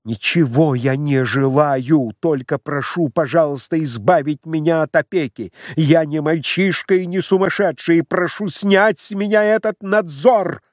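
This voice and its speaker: A man voicing an overwrought, hysterical young man who pleads and shouts. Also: on the high side, sing-song, slow pace, slightly rough, no echo, studio quality, pitched above the performer's own voice, heavily acted. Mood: agitated shouting.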